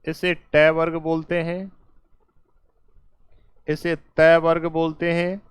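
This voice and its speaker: A man's voice: fairly high pitch, monotone, takes it slowly, clean tone, dry recording. A male teacher giving a classroom lecture at a board, coaxing students with repeated quiz questions and calling them "beta". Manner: calls listeners "beta".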